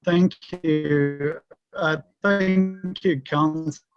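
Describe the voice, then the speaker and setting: A man giving public comment at a city meeting over a remote call, his audio distorted and clipping from a spotty internet connection, checking haltingly whether he can be heard. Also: a little high, fairly even intonation, highs cut off, faint music behind.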